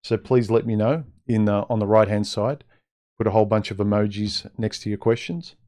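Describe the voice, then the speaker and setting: A man's voice: lowish voice, steady tone, fairly quick, dark tone. A man hosting a casual livestream monologue in a blunt, conversational way, his speech slightly impeded as if he had a mouthguard in. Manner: blunt, conversational, rhetorical questions. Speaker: livestream host giving dating advice. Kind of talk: casual opinionated monologue to live chat.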